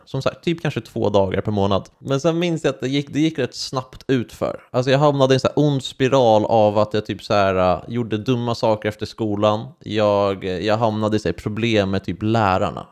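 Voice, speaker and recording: A man's voice: lowish voice, a little mellow. Young man, casual vlog storytelling, slangy, lots of fillers. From Sweden. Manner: casual slangy talk full of fillers and restarts. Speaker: vlogger. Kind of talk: personal storytelling to camera.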